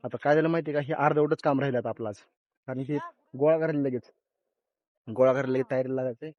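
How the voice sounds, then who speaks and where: A young man, vlogging casually outdoors on a farm, talking excitedly to his viewers as brothers. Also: mid-range voice, fast, dry recording, dull audio.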